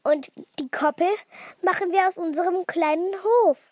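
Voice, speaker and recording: A woman's voice: extremely high pitch, moderate pace, darkish tone, pitched above the performer's own voice. A woman voicing a cheerful mother in a spoken children's story. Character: warm, teasing mother of a young girl.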